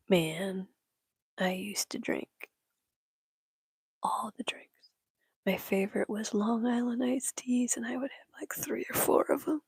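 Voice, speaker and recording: Slow, breathy whispering woman. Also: a little high, steady tone, a little mellow, no room sound. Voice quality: whispering throughout. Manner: rambling, giggly, self-mocking. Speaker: channel host answering viewer questions. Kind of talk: whispered casual Q&A chat.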